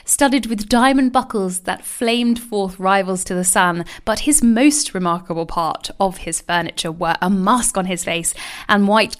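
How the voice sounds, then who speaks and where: A woman's voice: medium pitch, clean tone, lightly acted. A woman putting on an exaggerated posh eighteenth-century voice to read out an ornate description.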